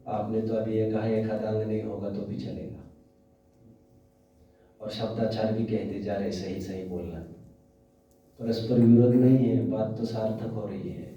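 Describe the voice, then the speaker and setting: Slow, dark-voiced male preacher in an echoey hall. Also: on the low side, flat delivery. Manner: asks the audience questions, mixes in English phrases. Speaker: Jain preacher. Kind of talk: religious discourse. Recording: dull echoey hall, mic far off.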